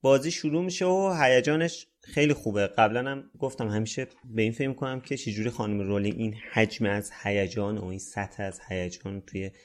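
A man co-hosting a podcast, thinking aloud in a relaxed, casual book discussion. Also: on the low side, hardly any pauses. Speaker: podcast co-host.

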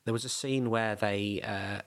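A man's voice: fairly low pitch, steady tone, a little slow. A man hosting a podcast, chatting casually and thinking aloud with lots of restarts. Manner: rambling, thinks aloud with many restarts and fillers. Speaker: podcast host.

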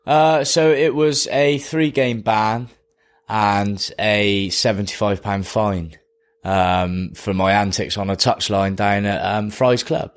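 A man's voice: fairly low pitch, steady tone, takes it slowly, clean tone. A man co-hosting a casual sports podcast in a jokey, self-mocking way. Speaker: podcast co-host.

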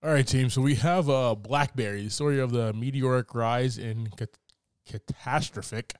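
A man's voice: medium pitch, normal speed, a little mellow, smooth, no echo, clean studio sound. A man co-hosting a podcast, chatting casually about movies, joking and tripping over words. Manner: jokey, stumbles over words, laughs a lot. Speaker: podcast co-host. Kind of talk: casual film chat.

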